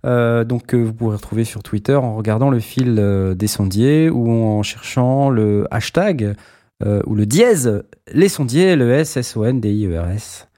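A man hosting a relaxed podcast chat, upbeat and friendly in manner as he sums up and thanks his panel. His voice sits at an ordinary middle pitch. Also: moderate pace. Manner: upbeat, wraps up and thanks guests. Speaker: podcast host. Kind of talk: casual chat.

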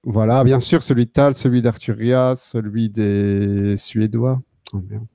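Belgian-born guy chatting on a stream, dark mellow voice, lots of euhs, dry sound. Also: on the low side, flat delivery, a little slow, gravelly, dry recording. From southern Belgium. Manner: hesitant, many fillers and restarts. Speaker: guest, synth controller maker. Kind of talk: casual live-stream chat.

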